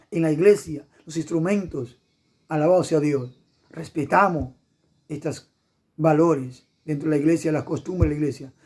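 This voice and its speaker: A man's voice: fairly high pitch, darkish tone, breathy edge. A middle-aged man preaching an impassioned sermon, fervent and repetitive, punctuated with hallelujahs.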